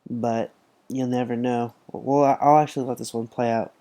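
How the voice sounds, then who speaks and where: A tired, yawning young man who hosts a gaming channel rambles casually while commenting on a mobile game he's playing, full of fillers and restarts. His voice is medium-pitched and dark, with a steady tone at normal speed.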